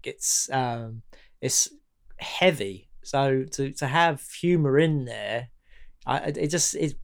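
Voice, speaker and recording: A man's voice: medium pitch, gravelly, a little mellow. A man in casual chat about a film, hesitant and full of restarts, laughing often. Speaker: podcast guest discussing a film.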